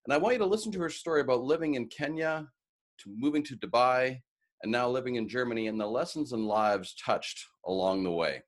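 A man's voice: mid-range voice, fairly quick. A man hosting a podcast interview, enthusiastic and chatty with some filler words. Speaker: podcast host. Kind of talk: casual interview.

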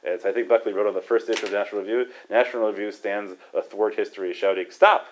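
A man's voice: on the low side, fairly even intonation, darkish tone, a little hiss or hum. A man teaching a class on Talmud study in a loose, conversational way, often tagging "right?" onto his points. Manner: conversational, many "right?" asides, quick restarts, chuckles. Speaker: Torah teacher.

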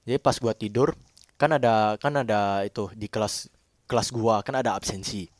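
A man's voice: on the low side, steady tone, normal speed, dry recording. Young male storyteller, casual and rambling, dry close sound. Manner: rambling, repeats himself.

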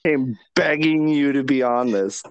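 A man's voice: mid-range voice, unhurried, lo-fi sound, slight background noise. A man hosting a podcast, teasing and needling his guest in casual banter. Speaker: podcast host.

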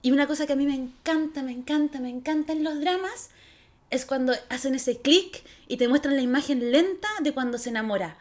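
A young Chilean woman chatting casually as a podcast co-host, animated, laughing and acting out her reactions. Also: high voice, brisk. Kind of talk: casual chat.

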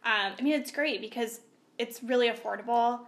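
Bright-voiced upbeat woman co-host. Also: a little high, fairly quick. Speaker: podcast co-host. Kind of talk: casual chat over lunch.

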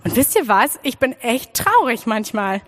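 Lively young woman giving a children's sermon. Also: fairly high pitch, normal speed. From Freiburg, Germany. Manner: animated storytelling, addresses listeners directly. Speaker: children's church speaker.

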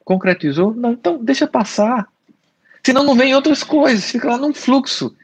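A man's voice: extremely high pitch, fairly quick, husky, dry recording. A man with a Brazilian Portuguese accent giving an explanatory solo talk as a podcast host, repeating his key points and speaking straight to the listener.

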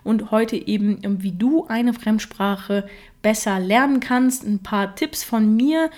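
Hosting her own podcast, this young woman speaks slowly in a mid-range voice with a slightly mellow quality. Russian is her first language, though she was raised in Germany, and she rambles casually with plenty of fillers.

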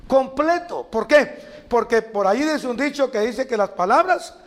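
A middle-aged preacher man with a very high voice. He tells lively stories and acts out the people he quotes, chuckling along the way. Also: normal speed, slight background noise. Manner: animated, acts out quotes, laughs at his own stories. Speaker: preacher guest. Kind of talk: storytelling sermon chat.

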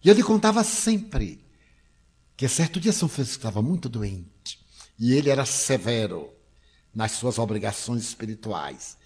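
A man's voice: medium pitch, sing-song, moderate pace, a little mellow, husky. An older man with a Brazilian accent giving an emotional storytelling lecture on stage. He speaks dramatically and acts out the people he quotes. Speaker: spiritist lecturer. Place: stage before an audience.

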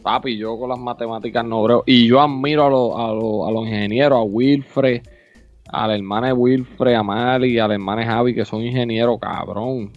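A man hosts a casual chat, slangy and quick to get worked up. His mid-pitched voice comes through a slightly dull, muffled recording with faint music behind it. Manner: animated, slangy, gets excited. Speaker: podcast host.

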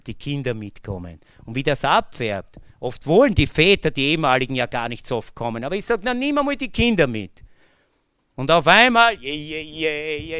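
A man with an Austrian accent giving an earnest personal testimony, his voice swinging between loud emphasis and hushed low tones. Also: smooth, dry recording, studio quality. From Bucklige Welt, Lower Austria. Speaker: speaker from a faith-based recovery community. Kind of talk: personal testimony talk to an audience.

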